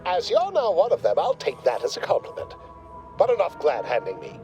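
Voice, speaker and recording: A pompous corporate lab boss from a video game, gushing buzzwords and talking down to everyone. His voice sits a little high and swoops all over as he lectures, with soft game music underneath. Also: wildly swooping pitch, brisk, poor audio. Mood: smug. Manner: verbose, condescending corporate jargon.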